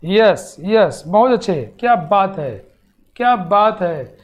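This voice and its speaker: Animated, teasing male chemistry teacher. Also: high-pitched. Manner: animated and teasing, repeats words rapidly, coaxes students; mixes English terms into Hindi speech. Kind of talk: live online coaching lecture.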